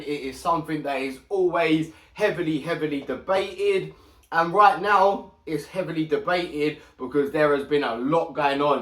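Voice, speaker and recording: A man's voice: a little high, distant mic. Man, slight lisp, echoey room. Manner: chatty, swears freely, animated. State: sore mouth with a slight lisp. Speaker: boxing channel host. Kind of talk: casual solo podcast talk. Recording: echoey room, mic set back.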